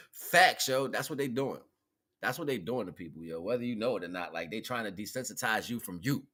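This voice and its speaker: Speaking at medium pitch, an American man hosts a livestream and gives a casual spiritual talk. He preaches with animation and colloquial language, circling back to repeated phrases.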